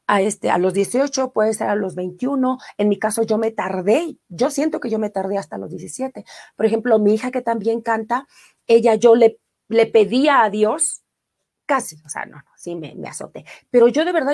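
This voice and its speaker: A middle-aged woman with a Mexican accent, a singer chatting casually on a live stream, reading viewer comments warmly and effusively. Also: fairly high pitch.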